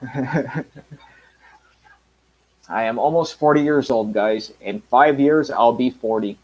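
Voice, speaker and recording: A man in his mid-thirties wanders through loose live stream chat on his own channel, stopping and restarting with plenty of uhs. His middle-pitched voice moves slowly, and the audio is poor.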